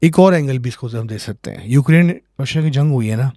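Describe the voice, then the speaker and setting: A man's voice: mid-range voice, brisk, mellow, no room sound, studio quality. A man with a Pakistani Urdu accent hosting a casual interview, opinionated and mixing English phrases into his talk. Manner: opinionated, mixes English phrases into Urdu, frequent agreeing hums. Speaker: podcast host.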